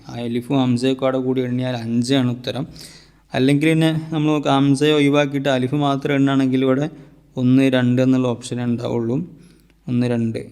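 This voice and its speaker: A male madrasa teacher with a Kerala Malayalam accent, talking students through test answers one by one. He poses each question, then answers it himself, and counts letters out slowly. His voice sits at an ordinary middle pitch. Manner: patient, asks and answers his own questions; ends sentences with soft "tto" tag. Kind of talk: exam answer walkthrough.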